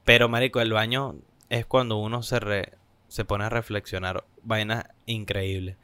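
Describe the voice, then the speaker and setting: A man's voice: normal speed, smooth, no echo. A young man with a Venezuelan accent co-hosting a casual podcast chat, telling stories and acting out what people said. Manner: animated storytelling, acts out quotes in higher voices. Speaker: podcast co-host.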